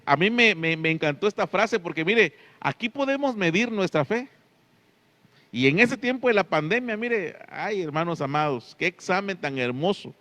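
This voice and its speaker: High-voiced man preaching emphatically. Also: animated, normal speed, sharp tone. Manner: emphatic, drawing out key words, frequent tag questions. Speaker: pastor. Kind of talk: Sunday sermon.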